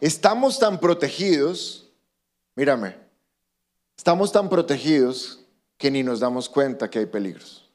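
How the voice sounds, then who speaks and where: A man preaching a sermon as pastor, animated and acting out quoted voices. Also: medium pitch, a little slow, long pauses.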